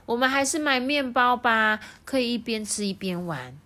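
A woman doing an eager young girl cat. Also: moderate pace. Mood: pleading. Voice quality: high and bright. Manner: excited, pleading. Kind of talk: storybook reading.

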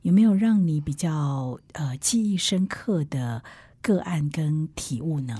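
A woman's voice: low-pitched, lively intonation, a little slow, dark tone, husky, dry recording. A woman hosting an interview, encouraging her guests with short affirming replies. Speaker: podcast host.

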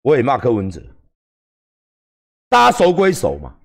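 A middle-aged man with a Taiwanese Mandarin accent hosting a livestream, ranting at critics in a combative, profane way and often shouting. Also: medium pitch, wildly swooping pitch, normal speed, vocal fry. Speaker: livestream host. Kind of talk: heated livestream rant.

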